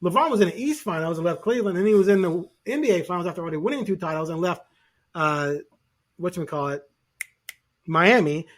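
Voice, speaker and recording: A man's voice: high voice, expressive, fast talker. A man co-hosting a sports podcast in casual chat, rambling and acting out quoted voices.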